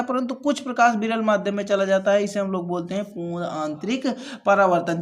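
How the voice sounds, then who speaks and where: A man teaching a physics class, asking his students questions and answering them himself. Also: high-pitched. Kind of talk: Hindi physics lesson for students.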